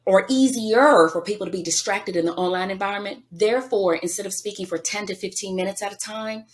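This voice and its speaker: Woman, podcast interview guest, emphatic, lively, coaching delivery. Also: medium pitch, fairly quick. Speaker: guest speaker. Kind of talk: energetic advice in a podcast interview.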